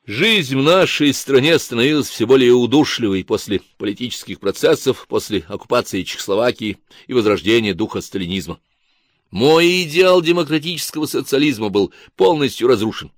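A man's voice: medium pitch, animated, brisk, dry recording, studio quality, close to an everyday voice. A man voicing an agitated male artist confessing and justifying himself in a radio interview. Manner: agitated, self-justifying, emphatic.

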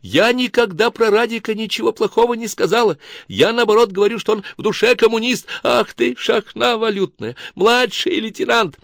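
A man's voice: high-pitched, normal speed, gravelly, hardly any pauses, a bit bright, no echo, clean studio sound, voice pushed up. A man doing a shrieking hysterical young woman. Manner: screeching, sobbing accusations. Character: shrill hysterical young woman, quarrelsome sister.

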